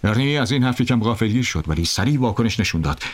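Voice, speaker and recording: Guy reading a story out loud, really animated, rises and falls a lot. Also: mid-range voice. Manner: expressive, dramatic reading. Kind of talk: audiobook story narration.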